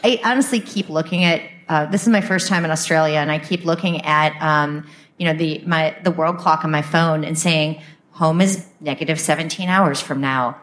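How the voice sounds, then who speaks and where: Lower-pitched woman hosting a live podcast. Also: steady tone, moderate pace, a bit bright. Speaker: podcast host. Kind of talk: casual live podcast interview. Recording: live room recording, faint noise.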